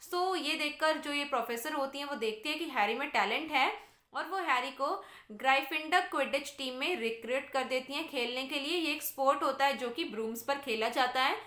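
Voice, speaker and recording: A woman teacher reads summary lines slowly, then explains them in Hindi. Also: sits high, sharp tone, echoey room. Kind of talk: literature lesson explaining a novel.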